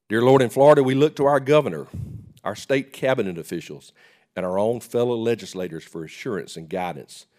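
Low-voiced man leading a solemn public prayer. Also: a little mellow. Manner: solemn, measured phrases that start strong and fall away. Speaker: state legislator leading prayer. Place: legislative chamber, at the podium.

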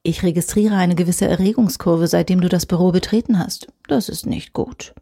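A woman voicing a smooth, persuasive male virtual advertising avatar, speaking softly and coaxingly. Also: fairly low pitch, normal speed. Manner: soft, coaxing, hushed.

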